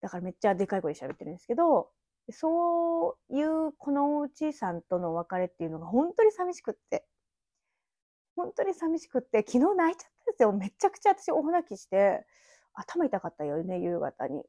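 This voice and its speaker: A woman's voice: medium pitch, sing-song, fast, mellow, dry recording. A woman in her thirties hosting a casual solo podcast at home, reminiscing in a rambling, chatty way with little laughs. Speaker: podcast host. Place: empty house. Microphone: phone app mic.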